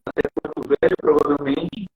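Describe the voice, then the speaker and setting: A man's voice: sits high, big pitch swings, moderate pace, gravelly, noisy background. A man speaking as a guest over an internet call whose audio keeps breaking up, talking hesitantly with many restarts. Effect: choppy, breaking-up internet call audio. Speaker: missionary guest on a video call. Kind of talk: casual interview talk. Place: remote village in the Amazon. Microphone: video call. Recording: muffled echoey call audio that keeps cutting out.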